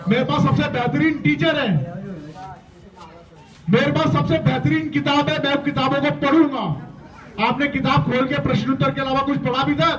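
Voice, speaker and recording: A man giving an emphatic motivational talk at a school, getting the students to repeat his lines after him. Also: very high voice. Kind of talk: motivational talk with call-and-response. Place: school gathering with many students. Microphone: handheld or stage mic. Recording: echoey, distant, dull sound with crowd.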